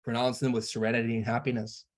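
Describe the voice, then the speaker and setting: A man delivering a spiritual lecture in a measured, earnest instructional manner. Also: mid-range voice, little pitch movement.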